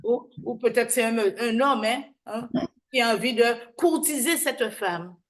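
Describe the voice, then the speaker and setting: A woman evangelist giving informal bible teaching, halting and repeating words, often checking in with "d'accord?". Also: on the high side. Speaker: evangelist and host.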